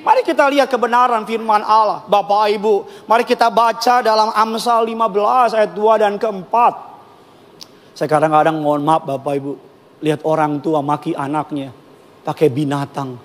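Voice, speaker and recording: A man with a Batak accent preaches to a congregation, his voice sitting high and ringing. He swings between forceful exhortation and quiet, hushed asides, teasing the listeners now and then. The sound carries a long reverb from a large church hall. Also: fairly even intonation, moderate pace. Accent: Batak Indonesian. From North Sumatra (Batak). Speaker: pastor. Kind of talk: sermon.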